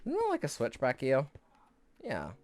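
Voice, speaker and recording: Lively young man streaming, out of breath. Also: mid-range voice, moderate pace, slight background noise. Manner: rambling, swears casually, thinks aloud. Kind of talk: casual live gameplay commentary.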